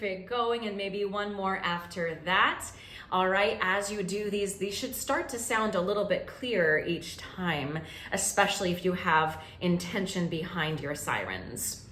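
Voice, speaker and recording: A woman vocal coach leading a warm-up lesson, encouraging and checking in with "okay?" as she goes. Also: mid-range voice, unhurried. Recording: roomy echo with faint ambient noise.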